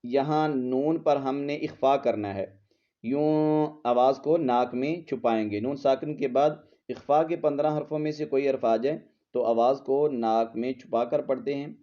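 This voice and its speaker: A man teaches Quran recitation in a slow, letter-by-letter lesson, patiently spelling out each letter and vowel before blending the word. His mid-range voice is dark in tone and unhurried. The lo-fi audio is slightly dull.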